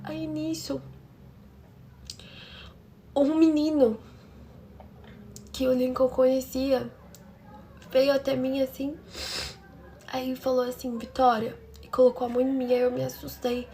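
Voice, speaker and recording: Mulher brasileira de voz aguda narrando. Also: female voice, high-pitched, little pitch movement, slow, pauses often, warm tone, a little hiss or hum. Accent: Brazilian Portuguese. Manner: dramatic, talks straight to her listeners. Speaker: storytelling channel host. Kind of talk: emotional first-person storytelling.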